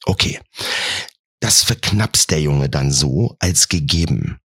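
A man's voice: extremely low pitch, expressive, takes it slowly, sharp tone, husky, no echo, clean studio sound. A man telling a comic story in a wry tone, acting out the characters as he goes. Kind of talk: comedic storytelling.

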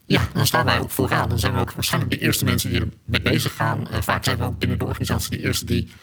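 A man's voice, electronically distorted to mask who he is, with a gravelly, creaky grain. He answers interview questions quickly but haltingly, often restarting his sentences. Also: mid-range voice, crowd noise. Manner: halting, with frequent restarts and fillers. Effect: voice electronically distorted to disguise identity. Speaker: technical specialist interviewed anonymously.

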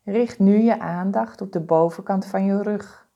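A woman leading a guided body-scan meditation, giving calm, soothing, deliberate instructions with pauses. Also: mid-range voice, highs cut off.

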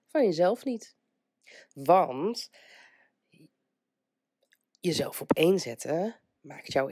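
Her medium-pitched, slightly mellow voice sounds congested, since she's stuffed up with a cold and still recovering from illness. Hosting a casual motivational podcast, she's chatty and hesitant and laughs a little now and then, in a dry, studio-quality recording.

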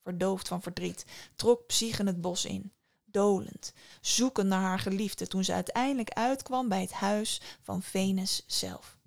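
Storyteller: woman, scripted narration, wry asides, slight gravel in the voice. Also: medium pitch, a little slow.

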